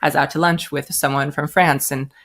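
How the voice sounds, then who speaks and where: She has a deep, fairly bright voice with a steady tone and speaks fairly quickly. As an American brand founder in a casual interview, she chats through her story and performs the voices of the people she quotes.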